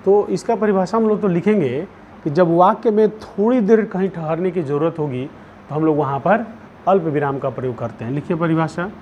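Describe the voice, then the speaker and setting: A man teaching a Hindi grammar lesson. He dictates notes slowly, repeats each phrase and puts questions to the pupils. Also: on the high side. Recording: dull lo-fi sound with faint background noise.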